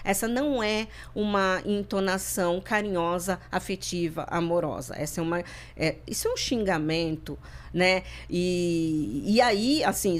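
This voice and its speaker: A woman from Brazil, a therapist guest on a podcast, telling her story in a reflective way, often repeating and restarting words. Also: fairly low pitch. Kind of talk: personal interview talk.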